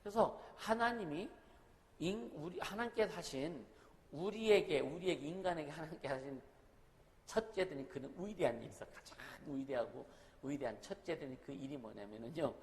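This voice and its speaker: Male pastor, higher-pitched, casual preaching voice that keeps questioning the congregation; recorded in a reverberant church hall. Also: expressive, normal speed. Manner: conversational preaching, often asks the congregation questions. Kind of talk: sermon. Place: church sanctuary. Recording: long reverb of a hall, faint noise.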